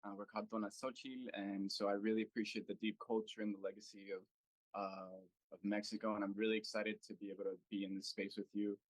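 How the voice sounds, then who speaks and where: Over a rough-sounding video call with no room sound, a local party chapter president from the United States addresses an online political meeting. He talks quickly in a lowish, flat voice, earnest but full of fillers and restarts as he thinks aloud.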